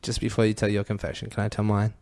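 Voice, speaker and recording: A man's voice: lowish voice, monotone, fast talker, a little mellow, no echo. A young man hosting a casual podcast, reading out confessions in a crude, giggly way and often laughing mid-sentence. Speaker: podcast host.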